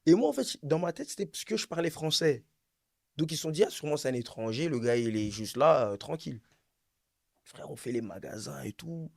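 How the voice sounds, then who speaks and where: This young man from Brussels, Belgium, has a slightly high, creaky voice and a brisk pace as he shares a wild story in a relaxed chat. Slangy and animated, he hammers his points home through repetition. The sound is close and dry, with no room sound.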